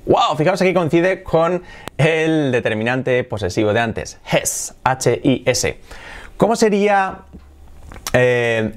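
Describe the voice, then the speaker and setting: A man with a Spain Spanish accent teaching a recorded lesson, explaining step by step and repeating and spelling words out slowly. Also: mid-range voice. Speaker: English teacher.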